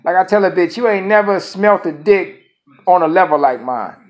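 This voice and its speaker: A man's voice: sits high, animated, normal speed. A man in his thirties speaking a casual monologue to camera, rambling and profane, often repeating his phrases. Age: 30s. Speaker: vlogger.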